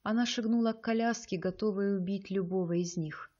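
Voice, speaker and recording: A woman narrating an audiobook with a measured, expressive reading. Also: medium pitch, lo-fi sound.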